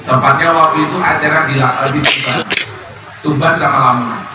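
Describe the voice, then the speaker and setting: A man's voice: fairly high pitch, steady tone, a little fast. A man preaching a sermon, telling a personal story and building to impassioned pleas. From Indonesia. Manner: emotional, rising to impassioned pleas. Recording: echoey, distant mic with noise.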